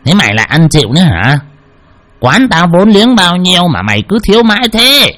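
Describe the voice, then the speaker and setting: Man putting on a grumpy old shop guy, high squeaky scolding voice. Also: huge pitch swings, moderate pace, fairly bright tone, husky, exaggerated voice. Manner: nagging, scolding. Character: stingy old male dog-meat shop owner, irritable.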